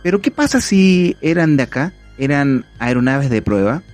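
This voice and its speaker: A man's voice: on the high side, expressive, normal speed, faint music behind. A man with a Chilean accent hosting a casual podcast, an enthusiastic, rambling storyteller. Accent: Chilean Spanish. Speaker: podcast host.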